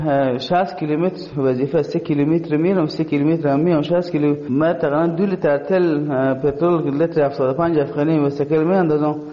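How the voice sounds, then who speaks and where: A man with an Afghan accent, a caller making an aggrieved, emphatic spoken complaint. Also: fairly high pitch. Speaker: radio caller, teacher. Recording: dull sound with long reverb.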